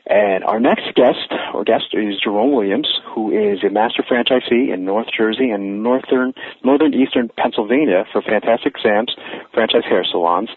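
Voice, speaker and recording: A man in his forties hosting a radio interview show, upbeat and energetic, often laughing. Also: lowish voice, moderate pace, husky, no room sound. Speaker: radio talk show host. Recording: phone-like, narrow radio line.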